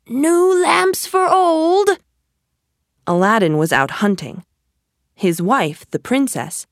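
A woman narrates a storybook at a very slow, measured pace in a somewhat low voice. Her delivery is clear and steady, and the recording is dry and close-miked. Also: no echo. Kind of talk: storybook read-aloud.

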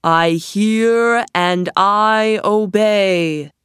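A woman voicing a slow, booming male genie of the lamp in a storybook reading. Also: fairly bright tone, clear, resonant tone, dry recording, clean studio sound. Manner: slow and drawn out.

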